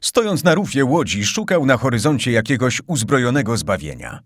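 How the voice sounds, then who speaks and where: A male narrator reads an adventure novel aloud with dramatic, suspenseful expression, and his pitch moves freely up and down. His voice sits at an everyday middle height. The recording is close and completely dry. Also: big pitch swings, fairly quick, no room sound. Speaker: audiobook narrator.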